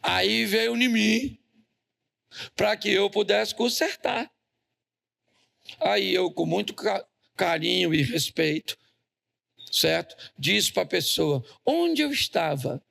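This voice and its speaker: In a church hall, a man with a Brazilian Portuguese accent preaches a humorous sermon as pastor, joking, telling stories and calling on the congregation. His high, gravelly voice is animated and fairly bright, and he takes it slowly with long pauses.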